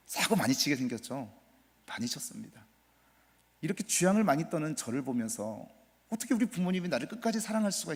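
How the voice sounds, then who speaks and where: Male pastor preaching with lively swinging pitch. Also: husky. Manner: emphatic preaching that swells loud then drops to soft, near-whispered asides; repeats phrases for emphasis and questions the congregation. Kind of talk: Sunday sermon. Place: church sanctuary. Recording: long church reverb.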